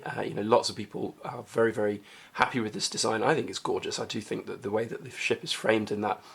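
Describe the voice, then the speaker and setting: Male vlog host, hoarse and husky from a cold, mid-pitched, chatty and halting. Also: fairly bright tone. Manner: chatty, hesitant, many ums and restarts. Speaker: coin collecting channel host. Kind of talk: casual coin review vlog.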